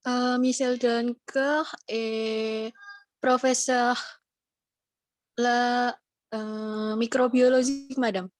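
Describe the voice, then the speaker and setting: Hesitant student answering in French. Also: female voice, a little high, level tone, drawn-out words, long pauses, no echo. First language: Indonesian. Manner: hesitant, adds "madame" to answers. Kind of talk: answering in class.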